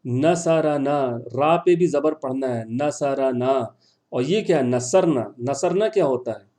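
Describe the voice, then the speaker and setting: Mellow-voiced male teacher drilling words. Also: a little high, animated. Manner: patient, drills words by repetition and quizzing. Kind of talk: online class lesson.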